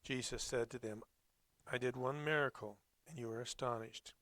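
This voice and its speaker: A man preaching a Sunday sermon, reading scripture and commenting on it in a plainspoken, reflective, halting way. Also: mid-range voice, fairly even intonation, fairly bright tone, no room sound.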